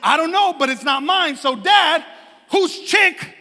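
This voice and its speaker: A man's voice: very high-pitched, animated, measured pace, pushed and bright, pitched above the performer's own voice, full character voice. A man putting on the voice of his sassy young daughter, who teases and accuses him. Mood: teasing. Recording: reverberant hall.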